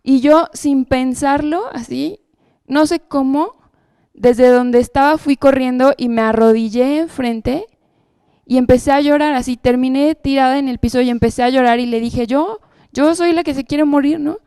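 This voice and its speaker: A woman's voice: sits high, fairly even intonation, normal speed, warm tone, clean tone, no echo. A woman giving a personal testimony at church, telling her story earnestly and often checking in with the audience. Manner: earnest storytelling with frequent tag questions.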